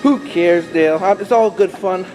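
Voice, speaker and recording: A man's voice: high voice, normal speed, over music. A man chatting casually and bluntly, with plenty of swearing, while working out in an echoing gym. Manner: ranting, blunt, profane. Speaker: amateur bodybuilder. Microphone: camera filming in the gym.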